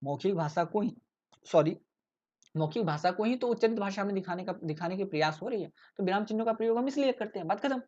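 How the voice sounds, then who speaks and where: A man's voice: high-pitched, expressive, quick pace, darkish tone. Man tutoring casually, dull lo-fi sound. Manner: explains with rhetorical questions, often adds "ठीक है". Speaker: tutor explaining exam topics. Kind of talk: casual lecture.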